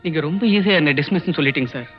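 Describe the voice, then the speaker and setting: A wronged young student, played by a man, pleads his innocence earnestly and with respect. His voice sits somewhat high, and the sound is dull, with faint music underneath like an old film soundtrack. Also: rapid-fire, close to an everyday voice. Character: wronged, dignified young male college student. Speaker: college student. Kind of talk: 1980s film acting.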